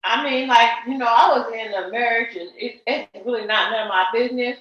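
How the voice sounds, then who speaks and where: A woman's voice: a little high, a little fast, very echoey, lo-fi sound. A woman co-hosting a podcast in casual chat, teasing and playful. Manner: playful, teasing, flirty banter. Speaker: podcast co-host.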